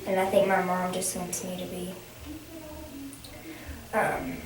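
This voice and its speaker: A young adult woman speaking haltingly, often restarting phrases, in a conversational counseling role-play as the client. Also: fairly low pitch, monotone, a crowd in the background. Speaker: student playing a counseling client. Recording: echoey, distant, noisy room recording.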